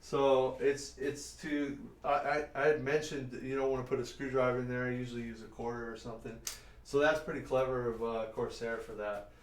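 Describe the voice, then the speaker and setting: A man's voice: mid-range voice, fairly even intonation, a little fast. A middle-aged man chatting casually on a live stream, rambling and answering viewers as he works in a warehouse workshop. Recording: roomy sound, mic at a distance.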